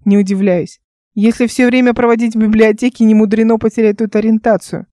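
A woman reading the part of a cheerful, sly young man, speaking in a soft, lowered voice. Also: flat delivery, a little fast, no echo, clean studio sound, lightly acted. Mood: teasing.

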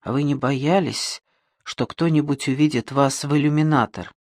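A reader voicing a calm male police detective who questions softly and persistently in an audiobook. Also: mid-range voice, moderate pace, dry recording, studio quality, lightly acted. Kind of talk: audiobook reading.

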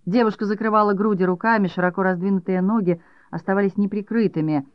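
Measured literary audiobook narrator, dry sound. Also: medium pitch, steady tone, smooth, no room sound. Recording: dull dry audiobook recording.

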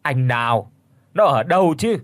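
A man's voice: medium pitch, animated, a little slow, no echo, close to an everyday voice. A man voicing a flustered old village grandfather who stammers his questions in bewilderment. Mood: bewildered.

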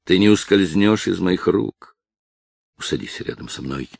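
A man's voice: low-pitched, expressive, a little slow, vocal fry, a little mellow, no room sound, heavily acted. A man voicing an obsessive, possessive villain who threatens a young woman, in a menacing, insistent manner.

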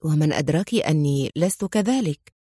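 A woman doing a calm, smiling young man. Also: on the low side, brisk, dry recording, studio quality, pitched below the performer's own voice, close to an everyday voice. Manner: calm, teasing, confident. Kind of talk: audiobook character reading.

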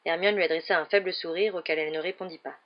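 A man narrating a novel as an audiobook reader in a steady, even storytelling manner. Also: on the high side, very fast. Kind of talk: read-aloud narration of a novel. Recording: dull lo-fi recording.

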